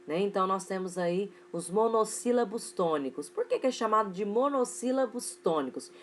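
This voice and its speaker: A young woman from Brazil teaching a recorded online class for children, with a Brazilian Portuguese accent, stretching out words slowly as she dictates examples. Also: medium pitch, animated, slight background noise. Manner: slow, stretched-out word dictation in a rising voice.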